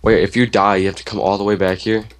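A man's voice: on the low side, flat delivery, quick pace, a little hiss or hum. A man playing a game and chatting casually, rambling with lots of fillers and frequent exclamations. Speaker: game player. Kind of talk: casual gameplay chat.

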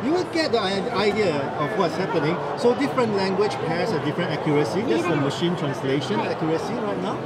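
High-voiced man pitching at a busy expo. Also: expressive, heavy background noise. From Singapore. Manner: brisk, persuasive pitch with frequent filler "uh". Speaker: company tech chief giving a product demo. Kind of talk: trade-show product interview. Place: busy indoor trade-show hall. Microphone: handheld camera mic held close. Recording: loud trade-show crowd. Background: loud crowd chatter.

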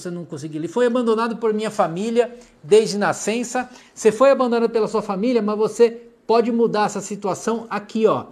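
A middle-aged Brazilian man with a fairly high voice hosts a live stream as a clinical hypnotherapist, chatting casually through viewer comments. He speaks in a Brazilian Portuguese accent, chatty and affectionate, often dropping his voice softly to talk to someone off camera.

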